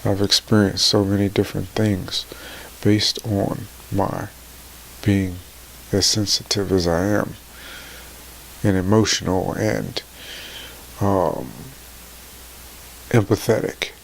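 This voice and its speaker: Slow, gravelly man in his forties, tearful. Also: low voice, steady tone, slight background noise. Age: 40s. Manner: slow, halting and tearful, voice dropping to near whispers. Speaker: motivational vlogger. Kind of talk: emotional personal talk to camera.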